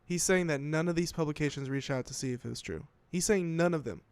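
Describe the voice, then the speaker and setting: A man's voice: fairly high pitch, fast, a little mellow, dry recording. Rambling, swearing man hosting a commentary show. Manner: rambling, profane, self-interrupting; reads headlines aloud and reacts. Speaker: podcast host.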